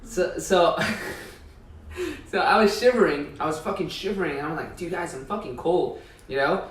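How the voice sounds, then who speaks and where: A man's voice: a little high, lively intonation, a little slow. A young man telling a long story in casual chat, laid-back and profane, acting out what people said. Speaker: podcast co-host. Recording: echoey room, mic far off.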